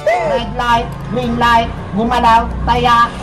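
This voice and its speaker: A woman voicing a sinister giant doll who calls out the game in a slow sing-song chant and cackles at the players. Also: fairly high pitch, little pitch movement. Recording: music playing behind.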